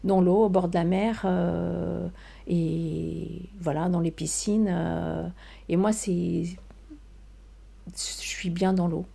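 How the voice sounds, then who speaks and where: An older woman speaks as an interview guest, her voice dark, mellow and gravelly with a touch of fry. She talks haltingly, filling pauses with ums and restarting her sentences. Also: fairly low pitch, fairly even intonation. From Portugal. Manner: hesitant, many fillers and restarts. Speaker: research scientist guest. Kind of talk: casual interview answers.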